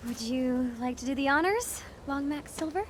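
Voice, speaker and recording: An actress voicing a brash punk teenage girl in a video game, putting on a mock-gruff pirate manner, with noise behind the game audio. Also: sits high, lively intonation, moderate pace. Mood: playful. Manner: mock-gruff pirate talk, playful and bossy.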